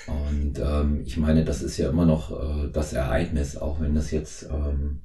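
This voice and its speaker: A man in his fifties hosting a podcast interview, talking in a halting way with many fillers and restarts. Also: extremely low pitch, flat delivery, reverberant, a crowd in the background. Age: 50s. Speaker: podcast host. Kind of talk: conversational interview.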